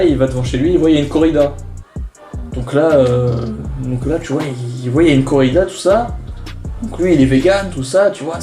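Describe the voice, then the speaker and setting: A young man telling deadpan jokes in a casual, rambling way, repeating himself with filler tags. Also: fairly high pitch. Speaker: contestant in a joke-telling challenge. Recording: roomy echo, music behind. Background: music.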